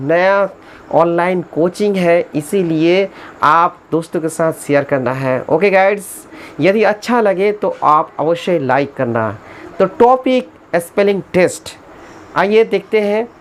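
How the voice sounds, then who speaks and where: A woman teaching a spelling lesson in Hindi, spelling English words slowly letter by letter and urging viewers to subscribe. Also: lowish voice, expressive, slight background noise.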